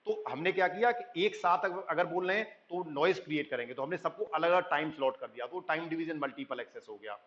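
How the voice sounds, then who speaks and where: Man lecturing, slightly high voice. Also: fairly bright tone, highs cut off. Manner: explains in Hindi, reads English lines slowly, frequent "thik hai" checks. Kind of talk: recorded lecture.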